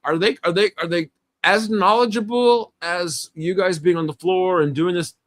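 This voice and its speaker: A man hosting a live stream interview, enthusiastic and halting, with many fillers and restarts. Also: high-pitched, steady tone, fairly bright tone. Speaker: livestream host. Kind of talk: casual interview.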